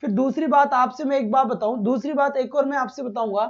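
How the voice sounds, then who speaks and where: A man's voice: very high-pitched, a little fast, dull audio. A man teaching a live online exam-prep lesson, asking his students questions, repeating each one and fondly calling them "beta".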